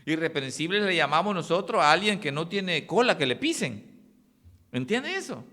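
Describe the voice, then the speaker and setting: A male pastor preaching a sermon, animated, with sudden swings in his voice. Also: fairly high pitch, normal speed. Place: church hall. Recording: echoey church hall.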